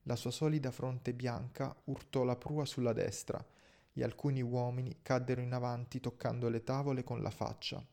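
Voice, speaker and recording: A man reading a sea adventure aloud in steady scripted narration. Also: mid-range voice, normal speed, vocal fry.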